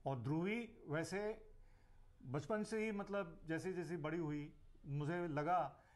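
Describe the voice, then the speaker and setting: Brief: middle-aged male cinematographer, anecdotal, code-switching, slightly high pitch. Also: slow pace, darkish tone. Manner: anecdotal storyteller, mixing English, frequent "you see". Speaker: guest, film cinematographer.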